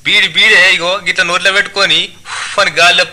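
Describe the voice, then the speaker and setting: A man voicing a quarrelsome village tailor, loud and indignant, with a Telangana Telugu accent. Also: high-pitched, flat delivery, fairly quick, pitched above the performer's own voice.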